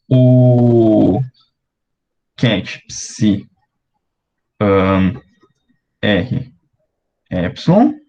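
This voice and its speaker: A young Brazilian man working through an exercise for students, slowly and step by step, checking in with the class often. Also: medium pitch, dull audio. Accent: Brazilian Portuguese. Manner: slow, step-by-step, with many fillers and check-ins. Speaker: teaching assistant. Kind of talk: explaining exercises at a board.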